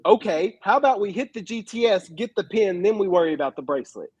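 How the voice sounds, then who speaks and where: A man with a high voice talks casually as a podcast co-host, ranting and laughing with an animated, exasperated edge. The sound is dry and close, with no room around him. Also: quick pace, breathy edge, no room sound, poor audio. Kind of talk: casual wrestling review chat.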